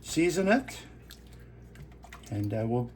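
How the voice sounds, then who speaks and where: A man's voice: mid-range voice, slow pace, slight background noise. Austrian man chef, echoey far-off kitchen. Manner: relaxed, instructive, many "uh" fillers. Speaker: guest chef. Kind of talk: cooking demonstration. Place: home kitchen.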